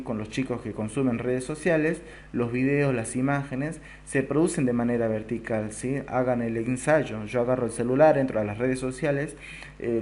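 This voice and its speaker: A man teaching a recorded video lesson, explaining step by step and often checking in with a quick "¿sí?". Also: medium pitch, darkish tone. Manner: explanatory, keeps adding a checking "¿sí?". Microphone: close to the recording device.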